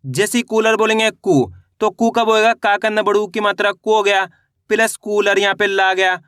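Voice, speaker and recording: A man with a high, bright, ringing voice teaches beginners to read, sounding out every syllable one at a time before he joins them into a word. He keeps asking how to read the word and answers himself, patient and step by step. The sound is close and dry. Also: no room sound. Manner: asks and answers his own questions; addresses viewers as friends. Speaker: Hindi reading teacher. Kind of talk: slow, step-by-step spelling lesson.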